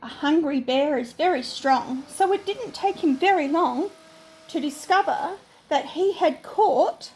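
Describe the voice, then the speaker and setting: A woman's voice: sits high, a little slow, rough recording. An older woman, a sweet old lady and doting grandmother, reads a children's storybook aloud expressively and adds chatty asides for her grandchildren. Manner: animated, expressive reading.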